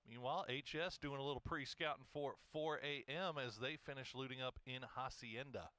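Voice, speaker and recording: A man giving live esports play-by-play as a caster, relaxed and full of filler pauses. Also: medium pitch, no echo. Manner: relaxed, uses many filler uhs. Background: music.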